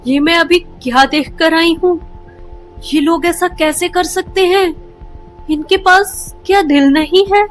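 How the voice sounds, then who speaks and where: A timid young fox girl, voiced by a woman narrator in a storybook retelling, high-pitched and trembling on the edge of tears. Soft music runs underneath. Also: slow. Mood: horrified. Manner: shocked, trembling, near tears.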